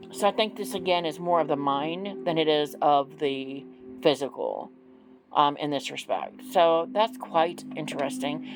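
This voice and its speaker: A woman's voice: sits low, poor audio. A woman in her forties doing a casual tarot reading, chatty and self-deprecating with frequent ums. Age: 40s. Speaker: tarot reader. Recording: music playing behind.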